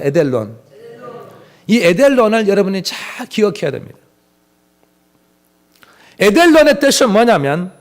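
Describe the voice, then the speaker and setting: With a very high voice, a man preaches as pastor, forceful in his delivery and constantly posing rhetorical questions to his congregation.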